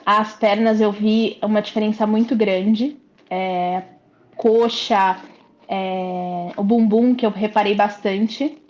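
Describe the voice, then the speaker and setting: A woman with a Brazilian Portuguese accent, a client chatting reflectively in an interview, often pausing to find her words. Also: medium pitch, steady tone, a little mellow. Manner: chatty, reflective, frequent hesitations. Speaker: client giving a testimonial. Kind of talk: casual interview. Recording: muffled lo-fi audio.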